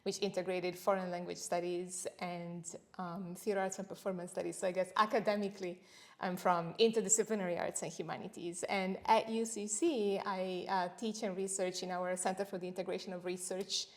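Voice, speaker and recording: A middle-aged Italian woman whose first language is Italian speaks as a senior lecturer in an academic interview. Her fairly low voice has little pitch movement, and she is measured and thoughtful, pausing frequently.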